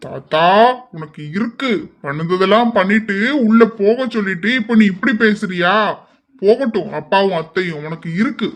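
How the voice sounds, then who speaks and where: A man's voice: high-pitched, animated, normal speed. [name], a man doing a cheeky young guy. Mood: low teasing. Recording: slightly dull lo-fi audio.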